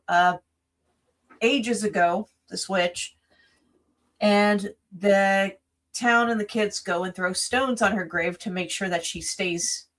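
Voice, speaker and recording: A woman's voice: mid-range voice, a bit bright. A woman co-hosting a podcast in casual chat, rambling through a film plot with many restarts, tired and yawning from recording late at night. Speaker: podcast co-host.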